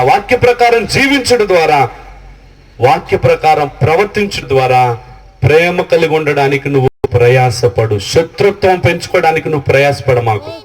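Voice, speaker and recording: A man's voice: medium pitch, distant mic, poor audio. A man preaching a revival sermon to a village gathering, with a rising, repetitive cadence and rhetorical questions.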